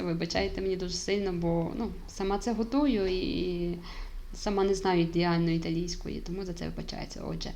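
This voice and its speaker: Жінка, молода, невимушено пояснює урок італійської, часто вагається і виправляє себе. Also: female voice, lowish voice, darkish tone, a little hiss or hum. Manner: hesitant, many fillers and self-corrections. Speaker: Italian teacher. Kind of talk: casual video lesson.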